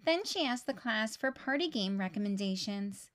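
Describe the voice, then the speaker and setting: A woman with a medium-pitched voice reads a children's picture book aloud at a moderate pace, using an expressive storytelling style.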